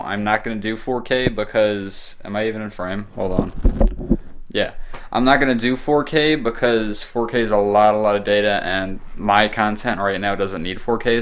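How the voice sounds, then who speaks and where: A man giving a casual, unscripted show-and-tell vlog in a rambling, laid-back way, recorded on a camera in his room at home. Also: fairly low pitch. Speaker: vlogger showing a home tech setup. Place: bedroom at home.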